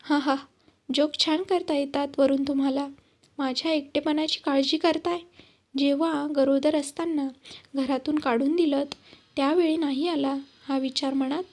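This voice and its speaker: A wounded young mother with a high voice, cool and cutting in her replies, as a woman reads her lines. Her words come out firm and mocking, part of a spoken storybook. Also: fairly even intonation, moderate pace, darkish tone. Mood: bitter.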